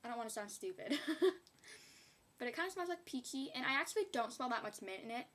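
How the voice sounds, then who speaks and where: Chatty young woman vlogger, slightly high. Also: animated, fast, pushed and bright. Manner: chatty, rambling, giggly asides. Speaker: beauty vlogger. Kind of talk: casual haul video chat.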